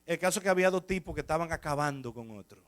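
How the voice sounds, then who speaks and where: A Dominican pastor preaches with a high, bright voice and tells stories with plenty of life. He keeps checking in with his congregation as he talks. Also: racing. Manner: lively, anecdotal, chatty with the congregation. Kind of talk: storytelling sermon.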